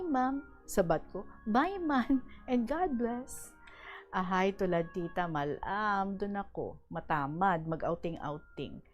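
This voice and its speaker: Woman radio host, Hiligaynon accent, animated, lively pitch, faint music behind. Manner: lively, animated reading with voiced quotes. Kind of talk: radio program, reading a listener's letter.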